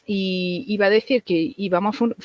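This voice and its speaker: A woman's voice: medium pitch, steady tone, moderate pace, a little mellow, no echo. A woman from England, a native English speaker, chatting casually as an interview guest in Spanish with an English-tinged Andalusian accent, hesitant and repeating words.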